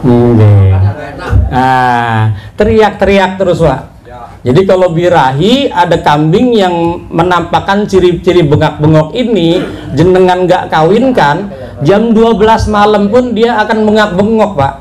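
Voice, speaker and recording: A man's voice: high-pitched, measured pace, darkish tone. A man giving a patient, step-by-step lecture to farmers on livestock breeding, often turning to his listeners directly. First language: not Javanese. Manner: patient, addresses listeners as "Pak", spells out points step by step.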